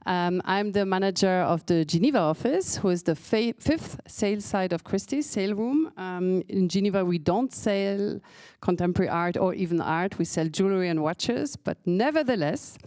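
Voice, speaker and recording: A woman's voice: mid-range voice, animated, moderate pace, a little mellow, no echo, clean studio sound. A woman giving an informal introduction of a speaker, with hesitant fillers. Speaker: office manager introducing the speaker.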